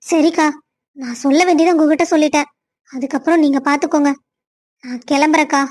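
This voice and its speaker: A woman's voice: high-pitched, steady tone, a little fast, a little mellow. A woman voicing the women of a family cartoon story, one after another.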